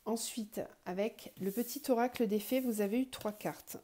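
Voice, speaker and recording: A woman hosting a spiritual card reading for viewers, slightly ill, her voice cracking at moments, explaining gently with pauses. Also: a little high. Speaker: tarot card reader and online guidance host.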